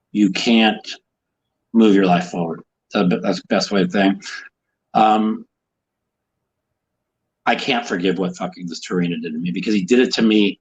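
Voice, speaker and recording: A man's voice: lowish voice, husky, highs cut off. A man being interviewed as a guest, talking in a heated, emphatic way, swearing often and restarting his sentences. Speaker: guest, professional poker player. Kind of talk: casual interview.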